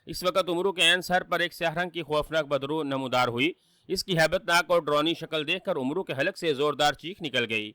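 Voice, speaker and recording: A man's voice: a little high, pushed and bright, dry recording, studio quality. A man narrating a fantasy tale in a dramatic, vivid storytelling manner.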